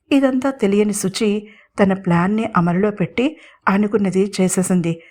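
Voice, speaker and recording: Woman narrator, romantic audio story, steady expressive reading, middle pitch.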